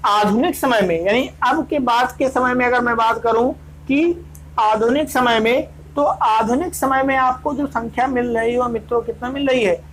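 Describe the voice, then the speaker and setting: A woman's voice: on the high side, normal speed, low-quality recording. A woman teaching an exam-prep grammar lesson. She speaks, keeps asking her students rhetorical questions and answering them herself, and repeats each point. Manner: addresses students as friends.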